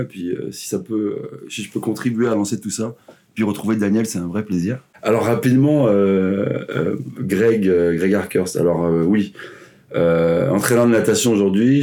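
Warm and lowish, the voice comes from a forties-aged swim coach with roots in the Ivory Coast and Paris. He chats casually as an interview guest, wandering through his story with frequent fillers and false starts.

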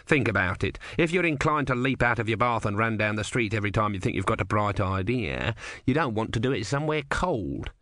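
A man's voice: lowish voice, very animated, fairly quick, bright, forceful tone, no room sound. A man doing a sardonic tortoise god. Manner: dry, sardonic, knowing.

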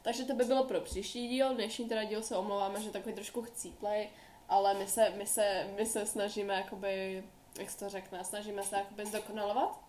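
A woman's voice: mid-range voice, level tone, darkish tone, slight background noise. Giggly young woman chatting slangily. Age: young adult. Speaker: podcast co-host. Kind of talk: casual chat.

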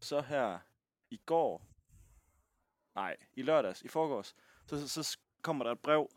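A man's voice: mid-range voice, lively intonation, no room sound, clean studio sound. A young man co-hosting a podcast in casual, informal talk peppered with swearing. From Jutland, Denmark. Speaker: podcast co-host. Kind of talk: casual chat.

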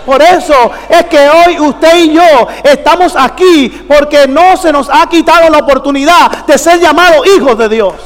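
High-voiced man preaching in an echoing church. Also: moderate pace, hardly any pauses. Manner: emphatic, calls out questions to the congregation. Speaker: pastor. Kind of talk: preached sermon.

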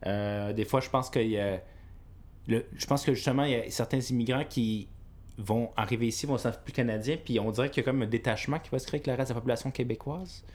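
Very deep-voiced woman. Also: fast talker, darkish tone. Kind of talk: casual panel chat.

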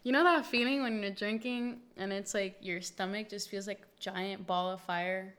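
A young woman with a Southern American accent co-hosts a casual podcast chat. She talks in a laid-back, agreeable way at a middle pitch. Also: steady tone, moderate pace, fairly bright tone, smooth. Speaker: podcast co-host.

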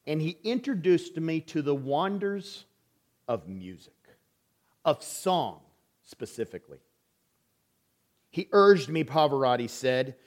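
A man preaching a sermon in a church as an elder, telling stories and acting out family conversations. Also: mid-range voice. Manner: storytelling, acts out family dialogue.

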